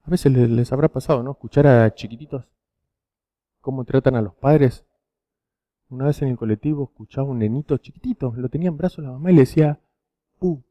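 A youth preacher from Argentina delivers a sermon to teenagers in a fast, mid-range, dark-toned voice with a Rioplatense Spanish accent. He tells stories and keeps checking in with a rhetorical "¿sí?".

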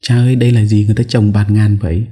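A man's voice: fairly low pitch, little pitch movement, rapid-fire, warm tone, voice pushed up, lightly acted. A man voicing a curious small child who asks one question after another, with his voice raised well above his own.

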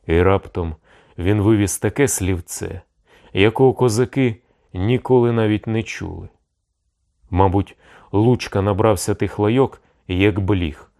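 Deep-voiced male audiobook narrator. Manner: steady storytelling. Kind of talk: scripted narration.

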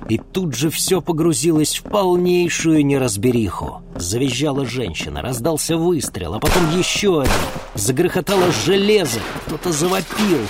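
Man narrating an audiobook, lively intonation. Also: on the high side, normal speed.

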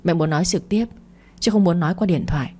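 A woman's voice: on the low side, quick pace, dark tone, slightly rough. A woman voicing a stern older mother who scolds her grown son. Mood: scolding. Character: stern older mother, disapproving then resigned.

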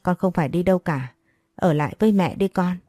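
A woman's voice: fairly low pitch, fairly quick, warm tone, no room sound, studio quality, faint music behind, close to an everyday voice. A woman reading the lines of an ailing older mother in a storybook narration, pleading and scolding.

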